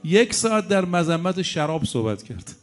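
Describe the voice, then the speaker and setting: Male preacher, sermon delivery, animated storyteller, higher register, dropping soft then rising loud. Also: soft background music. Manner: animated storytelling, rhetorical questions, swings between soft and loud.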